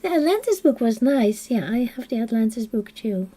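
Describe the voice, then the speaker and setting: A coloring channel host with a Dutch accent chats casually while coloring on a live stream. Her voice is on the high side and very animated, yet soft-spoken and unhurried, sometimes sinking into a quiet half-whisper.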